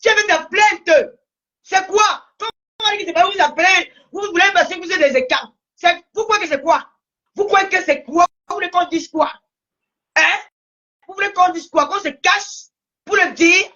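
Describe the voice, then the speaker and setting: A woman's voice: extremely high pitch, normal speed, pushed and bright, dull audio. A woman with a Cameroonian French accent in a heated, scolding social media rant, repeating herself, her voice cracking at times. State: angry.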